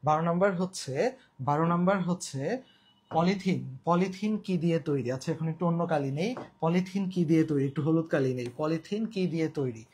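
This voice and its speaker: Husky Bangladeshi man teaching live. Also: on the high side, moderate pace, a little mellow. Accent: Bangladeshi Bengali. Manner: repeats key terms and asks viewers questions; colloquial, mixes in English words. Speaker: online exam-prep teacher. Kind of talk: live online class lecture.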